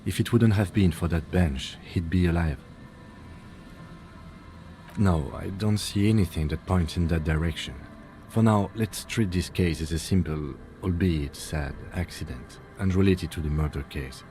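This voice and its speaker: A calm, methodical police lieutenant. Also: male voice, sits low. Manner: measured, precise, matter-of-fact. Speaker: police partner. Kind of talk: game voice acting.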